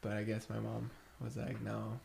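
A man chatting casually on a podcast, telling jokes and stories in a deadpan way. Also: lowish voice, normal speed, gravelly. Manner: joking, deadpan teasing storyteller. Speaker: podcast co-host. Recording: roomy echo, faint noise.

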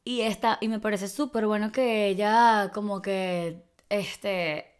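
A woman, co-hosting a podcast in casual chat, lively and acting out the voices she quotes. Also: mid-range voice, slow. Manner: animated, acts out quoted voices. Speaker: podcast co-host.

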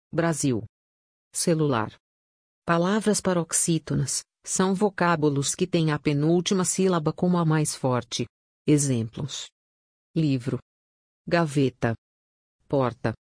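A narrator reading a scripted grammar lesson in a measured, even way, pausing through lists of examples. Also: medium pitch, no room sound, studio quality. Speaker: teacher.

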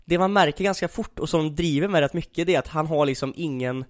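A man's voice: on the high side, no echo, studio quality. A young man in casual chat, animatedly retelling an anime with lots of fillers. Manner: animated, many fillers like "liksom".

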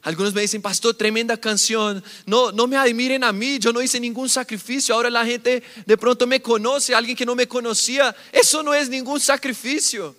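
A man preaching a sermon as pastor, swinging from shouts down to near-whispers. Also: extremely high pitch, fairly even intonation, normal speed, hardly any pauses. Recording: long hall reverb.

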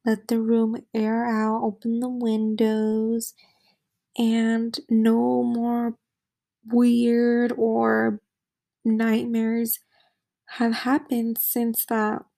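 Young woman podcast host, slow and rambling, gravelly fry, filler-heavy casual storytelling. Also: fairly high pitch, monotone, dark tone.

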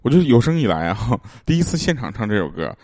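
Animated Northeastern Chinese man, jokey storyteller. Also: medium pitch, brisk, no room sound, studio quality. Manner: jokey, often laughing as he talks. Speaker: podcast host. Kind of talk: casual comedic storytelling to listeners.

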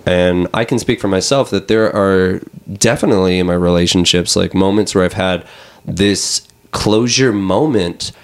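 Low-voiced man hosting a chatty podcast. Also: normal speed. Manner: opens in a mock radio-announcer voice, then talks loosely with many fillers. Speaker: podcast host. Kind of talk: casual podcast chat.

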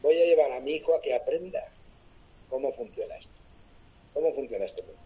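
A man from voicing a patient father who gently instructs his son in a parable. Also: a little high, animated, brisk, slightly rough, muffled recording.

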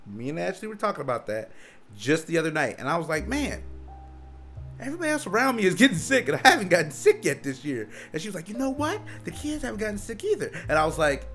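Animated, high-voiced American man with creaky edge. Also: quick pace, faint music behind. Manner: slangy, animated storytelling. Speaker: podcast co-host. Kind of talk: casual chat.

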